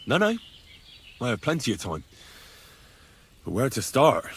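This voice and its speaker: A man's voice: medium pitch, wildly swooping pitch, a little slow, slightly rough, full character voice. An actor voicing a terse young male swordsman in video game dialogue, with blunt, dry replies.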